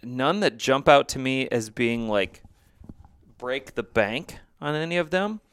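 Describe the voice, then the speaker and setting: A man's voice: mid-range voice, lively intonation, a little slow, a bit bright, clear, resonant tone, no echo. A man co-hosting a casual fantasy football chat, thinking aloud with fillers and restarts. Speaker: podcast co-host.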